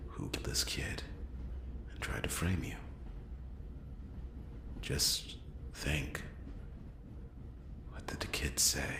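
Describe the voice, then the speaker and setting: A man playing a wry, brooding noir detective in a breathy, gravelly whispered role-play, muttering hesitantly as he thinks aloud to himself. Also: a bass voice, heavily acted. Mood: weary, straining. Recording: roomy echo, clear background noise.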